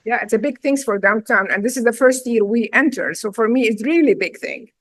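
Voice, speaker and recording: A woman's voice: fairly high pitch, a little fast, dry recording. A middle-aged woman from Syria with a Syrian accent, a chef and restaurant owner telling her story in a casual interview, emphatic and direct.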